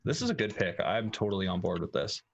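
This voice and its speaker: Male co-host, lowish voice, blunt, joking, relaxed stream banter. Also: quick pace, a little hiss or hum. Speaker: draft analyst co-host. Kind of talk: live draft commentary chat.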